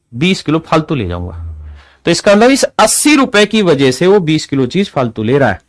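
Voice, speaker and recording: A man teaching an arithmetic class, lively and coaxing, often asking his students whether they follow. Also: a little high, no room sound, studio quality. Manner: lively, calls students "my dear children", rhetorical questions. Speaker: maths teacher. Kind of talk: classroom maths lesson.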